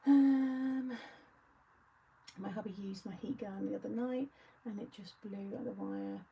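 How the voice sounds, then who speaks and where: A woman hosting a cosy craft-along talks in a warm, mellow voice with a gravelly edge. She chats casually and answers viewer comments between craft steps. There is a faint hiss behind her. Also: mid-range voice, fairly even intonation, unhurried, low-quality recording. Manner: chatty, reads viewer comments aloud and answers them. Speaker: craft show host.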